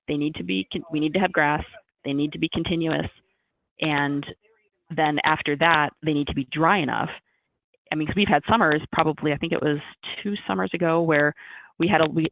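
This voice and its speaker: A woman meteorologist answering a question on a webinar video call, repeating words as she thinks aloud. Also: sits low. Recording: tinny phone-like call audio with faint hiss.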